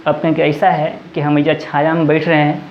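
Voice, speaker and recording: A man's voice: fairly high pitch, flat delivery, a little fast, slight background noise. A man with a Bihari Hindi accent teaching an exam-prep lesson, asking questions and answering them himself again and again. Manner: drills points with repeated question-and-answer. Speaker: competitive exam tutor. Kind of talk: classroom-style lecture. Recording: echoey, slightly dull recording.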